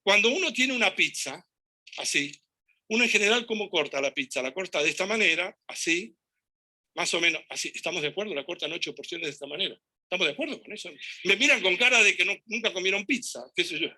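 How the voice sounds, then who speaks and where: A man with a Rioplatense accent tells a story to an audience in an animated, lively way. His voice is rather high and very bright. He keeps acting out conversations and gestures as he talks. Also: fast talker. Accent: Rioplatense Spanish. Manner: animated, acts out dialogue and gestures while telling anecdotes. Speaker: speaker giving a talk.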